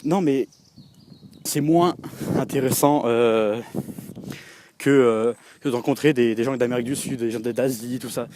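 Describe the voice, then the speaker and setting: A young man from France talks straight to his viewers in a loose, rambling vlog chat. He restarts sentences, fills gaps with hesitations and keeps slipping in little laughs. His pitch sits in the middle for a man. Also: a little slow, long pauses, background noise. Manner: rambling, full of fillers and restarts, addresses the viewer directly; laughs often while talking. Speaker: vlogger. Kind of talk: casual chat to camera.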